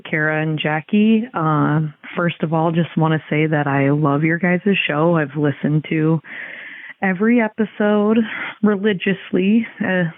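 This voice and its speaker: A man's voice: fairly high pitch, steady tone, dry recording. Man's rambling voicemail over a tinny phone. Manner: chatty and halting, with many fillers. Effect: recorded voicemail message over a phone line. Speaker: listener caller.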